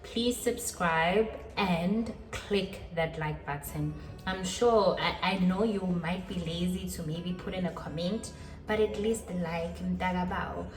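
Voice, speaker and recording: A woman in her twenties hosting her own vlog, talking casually and a bit self-deprecatingly, often repeating herself. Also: on the low side. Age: 20s. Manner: chatty, self-deprecating, with quick laughs and repetitions. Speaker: channel host. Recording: roomy echo, a little far from the mic.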